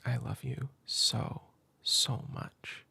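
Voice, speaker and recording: A man speaking tenderly in a soft, half-whispered ASMR comfort roleplay, close to the mic. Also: very slow, no echo. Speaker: ASMR creator.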